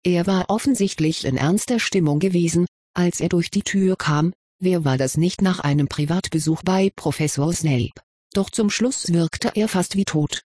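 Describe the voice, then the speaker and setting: A narrator reading a fantasy story aloud at a steady, even pace. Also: mid-range voice, moderate pace, no room sound, clean studio sound. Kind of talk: audiobook narration of fan fiction.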